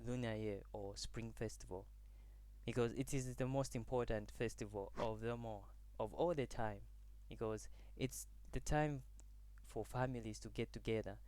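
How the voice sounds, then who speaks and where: A young man from Zambia speaks in a somewhat low voice. He delivers a prepared class presentation. He talks haltingly, breaking off and restarting phrases as he searches for the right word. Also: a little mellow, clear, resonant tone, no echo. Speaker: student presenter.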